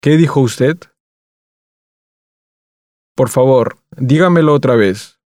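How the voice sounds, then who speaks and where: Male phrasebook reader, very slow and clear, dry close sound. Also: mid-range voice, darkish tone, no room sound. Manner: slow, deliberate, pausing after each phrase. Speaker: language course speaker. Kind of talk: reading language-course phrases.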